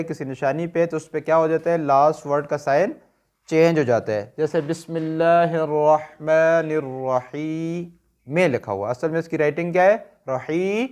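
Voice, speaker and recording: A man's voice: fairly high pitch, a little mellow. A man with a Pakistani Urdu accent teaching a tajweed lesson, patiently asking questions and answering them himself. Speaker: Quran recitation teacher.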